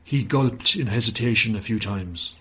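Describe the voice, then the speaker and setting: Husky man reading a children's story. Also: fairly low pitch, normal speed, rough recording. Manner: gentle, steady storytelling. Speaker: narrator.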